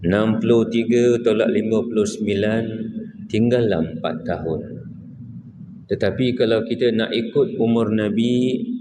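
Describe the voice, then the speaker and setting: Lowish-voiced Malaysian preacher in his fifties. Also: background noise. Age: 50s. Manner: measured, asks the congregation rhetorical questions. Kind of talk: mosque lecture. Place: mosque prayer hall.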